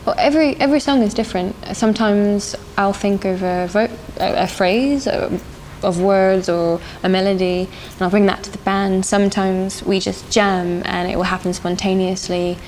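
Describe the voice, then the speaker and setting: A woman's voice: medium pitch, normal speed, few pauses, a little mellow, rough recording. A young woman from South Africa, a band singer, answering interview questions in a thoughtful, hesitant way with frequent laughs. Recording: faint background noise.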